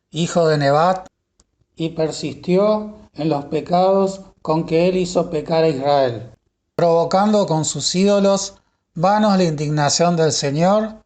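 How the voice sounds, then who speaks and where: Slow, high-voiced man reading scripture. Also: darkish tone. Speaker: audiobook Bible narrator.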